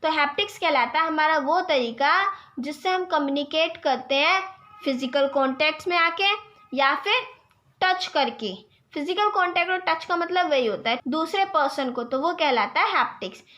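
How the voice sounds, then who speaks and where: A young woman teacher with an Indian accent, reading English definitions slowly and explaining them in Hindi, asking herself quiz questions and answering them. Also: high voice, pushed and bright. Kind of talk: exam-prep lecture.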